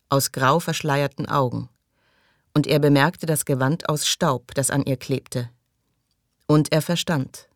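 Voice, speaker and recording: A man reading an audiobook aloud in measured, dramatic storytelling. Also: on the high side, no echo, clean studio sound. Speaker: audiobook reader. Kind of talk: scripted narration.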